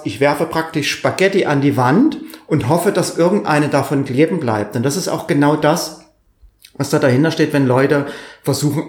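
A man's voice: fairly high pitch, darkish tone. A male podcast co-host with a sonorous, velvety voice, explaining thoughtfully in conversation and repeating phrases for emphasis. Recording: roomy, echoing sound.

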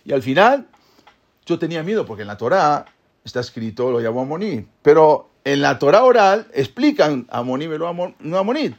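A man teaching a Torah class, retelling the story in a lively way and acting out the characters' voices. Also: a little high, normal speed, dull audio. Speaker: religious teacher.

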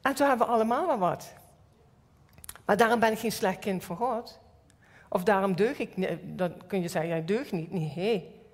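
A woman's voice: mid-range voice, moderate pace, pauses often. A middle-aged woman with a Limburg Dutch accent, giving a personal church sermon and telling stories with acted inner voices. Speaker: church speaker. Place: church hall. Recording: long hall reverb.

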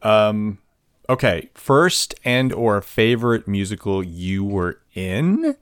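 Earnest co-host, a man with a deep, smooth voice, dry and close. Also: sing-song, takes it slowly, no echo. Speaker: podcast host. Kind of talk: casual chat.

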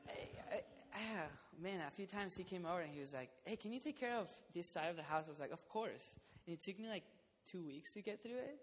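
This young Costa Rican community house resident laughs constantly while rambling with fillers in a casual group chat, his voice high-pitched, animated and a little fast with hardly any pauses. The setting is a reverberant room with faint noise.

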